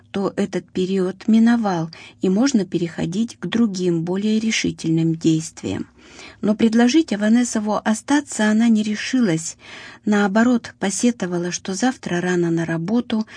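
Husky-voiced woman narrating an audiobook. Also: medium pitch, mellow, no echo. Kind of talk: scripted narration.

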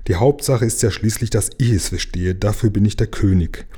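A man's voice: fairly low pitch, brisk, dark tone, breathy edge. A man voicing a fussy, self-important old king who sighs over his own decrees, read aloud from a children's book. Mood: pompous. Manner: sighing, self-important official tone.

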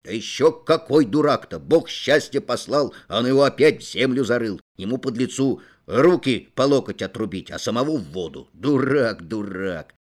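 A man reading aloud voices an excitable, scheming male gold prospector who exclaims loudly. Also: mid-range voice, moderate pace, hardly any pauses, close to an everyday voice. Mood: outraged. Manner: loud, exclaiming.

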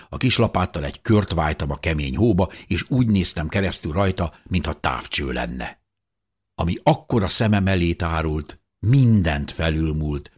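A man reading a first-person audiobook narration in an expressive voice that rises with tension. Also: sits low, breathy edge.

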